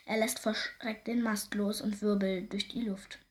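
A woman reading a children's story aloud in a lively, expressive way. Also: medium pitch, unhurried.

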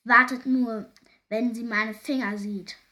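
Storybook role: a bold little girl who never gives in, as a woman puts her on, bright and high. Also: fairly even intonation, takes it slowly. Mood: defiant. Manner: loud and stubborn. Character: defiant cheeky little girl. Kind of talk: storybook reading.

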